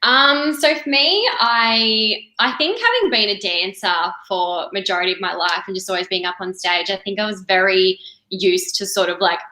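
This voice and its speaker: A young Australian woman in her twenties answers interview questions in a chatty, easygoing way, full of likes and ums. Her voice is bright and sharp, and it comes through a video call with a roomy echo around it. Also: mid-range voice, normal speed. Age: 20s. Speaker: guest.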